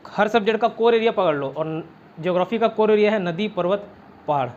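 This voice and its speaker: In a dull, lo-fi recording with soft hiss, a high-pitched Indian man with a Chhattisgarh Hindi accent leads an online exam-prep session. His tone is somewhat dark and his pace brisk. He is talkative, keeps repeating "theek hai," and tests his students with memory tricks.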